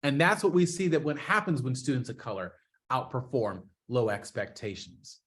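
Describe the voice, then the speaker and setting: A man's voice: mid-range voice, very animated, moderate pace, a bit bright. A man giving an educational speech to college students, telling a personal story with emphasis and acting out the people in it. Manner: earnest, acts out the people in his story; emphatic, builds to stressed points. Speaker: guest speaker to college students.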